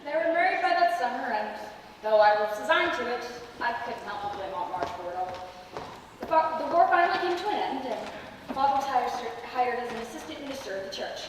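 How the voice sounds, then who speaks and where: A woman's voice: sits high, animated, fairly quick. Woman acting a wry young narrator, echoey theater. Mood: wry, reminiscent. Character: wry young woman recounting her family's story. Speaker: narrator character. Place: theater stage, recorded from the audience area. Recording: echoey theater, distant mic, faint noise.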